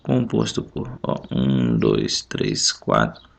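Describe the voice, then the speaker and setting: A man's voice: rumbling low, wildly swooping pitch, slow. A male teacher with a Brazilian Portuguese accent going over a literature test step by step in a recorded home lesson, counting out syllables aloud. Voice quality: gravelly.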